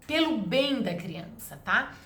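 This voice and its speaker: A woman's voice: fairly high pitch, animated, slow, fairly bright tone. Earnest woman in a roomy space. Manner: earnest, emphatic, explains step by step. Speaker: parenting educator. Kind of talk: advice monologue to camera. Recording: roomy echo.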